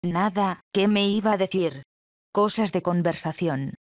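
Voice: mid-range voice, measured pace, no echo, natural voice. A reader voicing a proud, self-assured young woman, the eldest sister, in a dramatic play reading. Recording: dull, lo-fi, dry.

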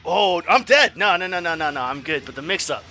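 Excitable trash-talking gamer guy. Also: fairly high pitch, fairly quick, soft background music. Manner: excitable trash talk with swearing and shouts. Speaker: gaming streamer. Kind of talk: live gameplay commentary.

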